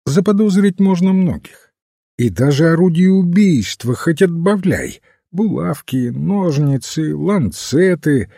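A man voicing a calm, thoughtful priest detective in a storybook reading, with a husky voice and a slow, measured delivery. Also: a little high, no room sound, studio quality, voice pushed up, full character voice. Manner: measured, reflective.

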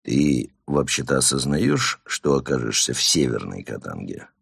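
A man voicing a blustering, domineering old father who mocks his son and bursts into shouting. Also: a bass voice, animated, moderate pace, creaky, breathy edge, no echo, clean studio sound, pitched below the performer's own voice, full character voice. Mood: mocking. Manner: sarcastic, explodes into shouting.

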